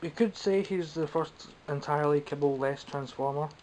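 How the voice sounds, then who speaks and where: A young man from Scotland, a toy collector vlogger, chats casually about his toy haul from behind the camera, wry, rambling and poking fun at himself. His slightly high, somewhat mellow voice moves at a moderate pace, a bit phlegmy with the odd cough. There's slight background noise on the camera mic.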